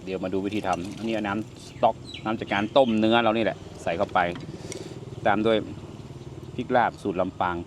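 A man's voice: fairly low pitch, fairly even intonation, a little fast, a little hiss or hum. An older man, hosting a casual cooking vlog and chatting while he tastes the food. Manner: chatty, exclaims over food while tasting. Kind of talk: casual cooking and tasting talk.

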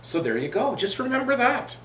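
A man's voice: very high-pitched, big pitch swings, a little fast, a bit bright, full character voice. A man playing a prim, religious woman who hosts an advice show in a comedy sketch, fussy and motherly. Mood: lecturing. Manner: fussy, motherly, sighing "oh dear". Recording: echoey room.

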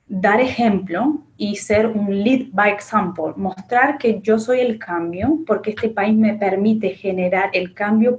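A woman's voice: mid-range voice, darkish tone. Self-assured Argentine woman, earnest. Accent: Argentine Spanish. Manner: earnest and self-assured, with many fillers and restarts. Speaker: interview guest, accountant and business owner. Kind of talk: reflective interview answers. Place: small indoor office with a framed picture.

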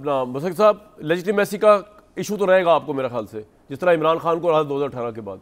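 Polite talk show host, slightly high voice. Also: male voice, fast. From Pakistan. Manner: cuts in politely, addresses guests as sir. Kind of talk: moderating a political debate. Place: TV studio.

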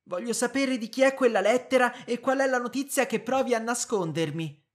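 A man voicing a distraught, indignant middle-aged wife in an audiobook reading, with a shrill, insistent manner. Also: brisk. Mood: demanding.

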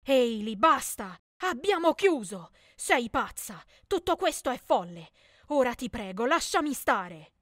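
A woman voicing a young man, an exasperated ex-boyfriend who talks loudly and pleads to be left alone. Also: medium pitch, moderate pace, no echo, studio quality, close to an everyday voice. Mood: angry.

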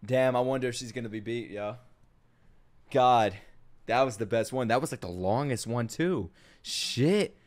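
Music plays under this young adult American streamer, who chats loosely and lets out crude, slangy, excited reactions. He talks at a medium pitch and a measured pace.

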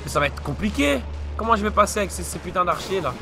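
A young man, still a little ill, commenting on his gameplay with frequent swearing and frustrated shouts. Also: sits high, expressive, fast talker, gravelly. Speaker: let's play gamer. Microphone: desk mic. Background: game music.

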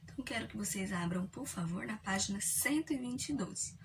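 A Brazilian woman teacher giving a recorded lesson to young children, slowly spelling out syllables and reading short poems aloud. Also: medium pitch, lively intonation, far from the mic, background noise. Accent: Brazilian Portuguese. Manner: slow, clearly spelled-out syllables for young learners.

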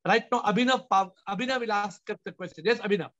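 A man's voice: high-pitched, fast, fairly bright tone. A man in his fifties with an Indian accent, hosting a spiritual discussion with emphatic, repeated rhetorical questions. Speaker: host and spiritual teacher. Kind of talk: question-and-answer spiritual discourse. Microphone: video call. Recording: dull compressed video call audio.

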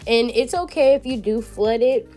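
Speaking at a moderate pace over soft background music, a young woman from Texas walks viewers through a nail tutorial as a chatty nail technician, addressing them as "y'all." Her voice is a little high and mellow, though her nose sounds stuffy and congested.

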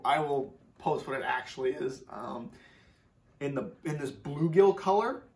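This young man from Minnesota, a fishing channel host, chats casually through a tackle walkthrough from a seat in his garage workshop. His mid-range voice is creaky and sounds distant because the camera is a few feet off, and he's relaxed, filler-heavy, repeating words to stress them.

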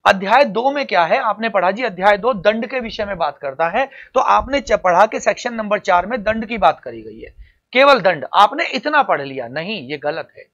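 A man's voice: high voice, animated, moderate pace, a bit bright, dull audio. A man teaching law to exam students, talking to them directly and calling them "beta" and "champion". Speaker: coaching teacher. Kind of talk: explaining law for exam prep.

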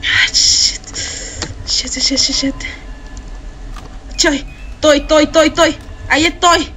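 A young Mexican woman with a Mexican Spanish accent streams a horror game, scared and shaky, her commentary full of swearing, nervous laughter and shrieks. Her voice is high, with a steady but sharp tone and a slow pace. There's slight background noise and the audio is poor.

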